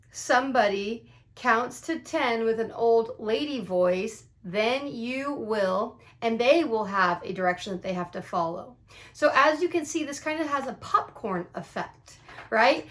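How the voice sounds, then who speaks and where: A woman teacher talks through a classroom icebreaker in an upbeat, explanatory way. Her voice sits on the higher side, and she acts out the examples as she goes. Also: a bit bright. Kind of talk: instructional explainer video.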